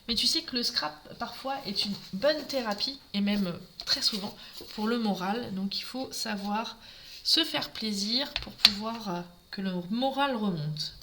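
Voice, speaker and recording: A woman's voice: fairly high pitch, background noise. A woman giving a live craft demonstration, talking through each step and greeting viewers as she works.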